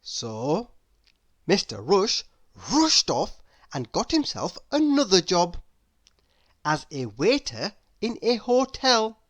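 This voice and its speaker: A woman reads a children's story aloud, narrating expressively in a mid-range voice and taking her time.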